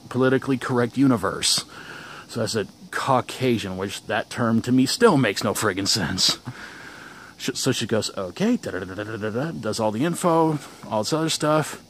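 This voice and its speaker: A man's voice: mid-range voice, expressive, a little fast, fairly bright tone, slight background noise. Man rambling through a casual story. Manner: rambling, with restarts and laughs. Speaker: vlogger.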